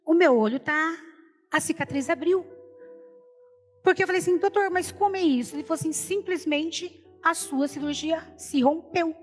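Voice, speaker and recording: High-voiced woman preaching a testimony. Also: moderate pace, big-room sound, soft background music. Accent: Brazilian Portuguese. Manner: storytelling, repeats "falei assim". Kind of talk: sermon testimony.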